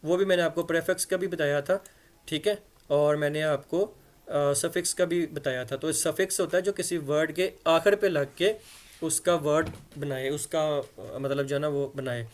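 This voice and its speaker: A man's voice: fairly high pitch, moderate pace. A man teaching English grammar in a conversational way, spelling words out letter by letter and often checking that listeners follow. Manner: conversational, checks understanding with repeated "theek hai". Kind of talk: explanatory lesson in Hindi-Urdu.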